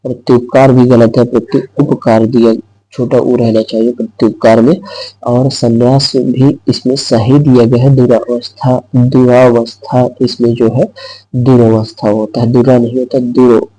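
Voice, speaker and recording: A man's voice: mid-range voice, level tone, a little slow, dark tone, no echo, low-quality recording. A man teaching an exam-prep lesson who repeats each word and answer aloud and explains step by step.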